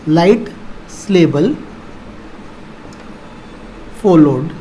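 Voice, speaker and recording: Guy teaching a poem, slow and mellow, answers his own questions, bit of hum behind. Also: on the high side, animated. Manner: explains slowly, asks and answers his own questions, mixing Hindi and English. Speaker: English teacher. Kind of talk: online lesson on a poem.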